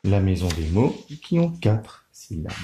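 A man giving a children's lesson on counting syllables, speaking slowly and clearly in a sing-song teacher's manner. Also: low-pitched, very animated, mellow, a little hiss or hum.

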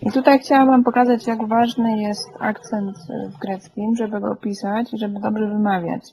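A woman leads a classroom lesson, patiently asking her students questions and checking they follow. Her voice is mellow with a creaky edge. Faint background noise runs under the recording. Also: mid-range voice, little pitch movement, moderate pace, low-quality recording. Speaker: Greek teacher.

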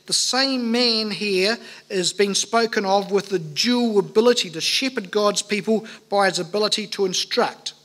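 Sex: man. Role: pastor at a pulpit microphone. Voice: high. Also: a bit bright. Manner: earnest, emphatic, with rhetorical questions. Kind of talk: sermon.

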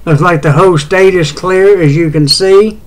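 A man's voice: sits high, moderate pace, rough recording. A middle-aged man with a West Tennessee Southern accent, hosting a casual home weather show, rambling with many fillers and restarts. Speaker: amateur weather show host.

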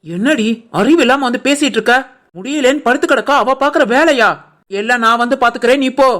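A woman voicing a protective older mother-in-law in an animated family cartoon, firm and scolding, with a Tirunelveli Tamil accent. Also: sits high, fairly quick. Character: caring older mother-in-law, protective, stern with her daughter.

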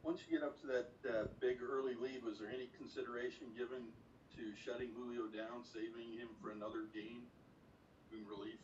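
A man's voice: medium pitch, level tone, fairly quick, darkish tone, husky, recorded from a distance, muffled recording. A man reporter asking brief, direct questions at a press conference.

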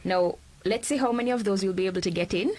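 A woman's voice: medium pitch, quick pace, darkish tone. Jamaican woman hosting a radio interview. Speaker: host. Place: small radio studio, indoors. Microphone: studio microphone on a boom arm.

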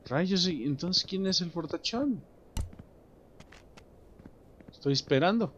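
A young man with a Mexican accent giving joking, animated let's play commentary, talking to himself and his viewers as he plays. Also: sits high, slow, muffled recording, a little hiss or hum. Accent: Mexican Spanish. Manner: animated, jokey, talks to himself and viewers while playing. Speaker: gameplay commentator. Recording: background game music.

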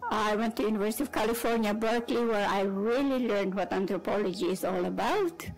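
An older woman with a Filipino accent, giving a measured academic lecture at a conference with personal asides. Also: mid-range voice, faint music behind, poor audio. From Philippines. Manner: measured, digressive delivery with asides. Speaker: conference speaker.

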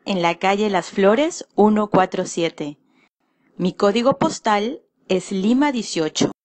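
Peruvian woman, slow and dry. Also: medium pitch, no echo. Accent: Peruvian Spanish. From Peru. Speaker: voice actor in a language lesson. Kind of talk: scripted self-introduction.

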